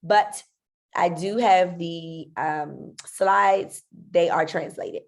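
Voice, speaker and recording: Her sinuses are blocked, so this school principal sounds stuffy and nasal as she leads a parents' video meeting through a computer mic. The voice is lowish and gravelly with drawn-out words, friendly but packed with ums.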